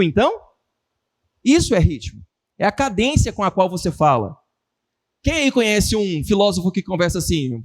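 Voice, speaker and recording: A man giving a motivational lecture to an audience, constantly shifting his tone and speed. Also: sits high. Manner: lively, varies tone and speed on purpose. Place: stage before an audience.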